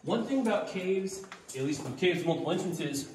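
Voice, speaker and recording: A man's voice: high voice, lively intonation, moderate pace, darkish tone. A man working as a tour guide tells stories in an informal, explanatory way inside an echoing cave. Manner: conversational, explanatory storytelling. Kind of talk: informal storytelling to a small tour group. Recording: echoey cave, long reverb, distant, faint noise.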